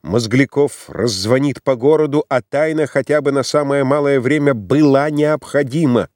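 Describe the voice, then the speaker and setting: A man reading a classic novel as an audiobook, narrating in an expressive, dramatic way. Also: mid-range voice, normal speed, dry recording, studio quality. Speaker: audiobook reader.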